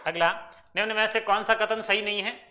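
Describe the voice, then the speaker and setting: A man's voice: sits high, steady tone, brisk, bright, forceful tone. A man with a Rajasthani accent teaching an exam-prep maths lesson, working through problems step by step and answering his own questions.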